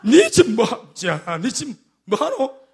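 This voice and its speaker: A slow, drawn-out rebuke from God inside a man's heart, as a preacher voices it. The words come in a Gyeongsang dialect with a gravelly texture. The voice sits fairly high. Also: huge pitch swings, a little mellow, full character voice. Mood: scolding. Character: God as an inner voice scolding a wayward man.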